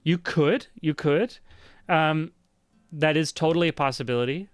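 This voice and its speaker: A man running a tabletop game as game master, explaining rules and story in a measured way with frequent fillers. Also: a little high, clear, resonant tone, no echo. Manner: measured, thinking aloud with fillers.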